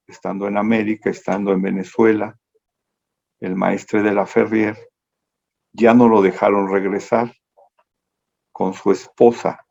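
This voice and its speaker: A man lectures slowly over a video call, his low, gravelly voice drifting through a meandering story. He corrects himself as he goes. The call audio is dull and lo-fi. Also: a little mellow.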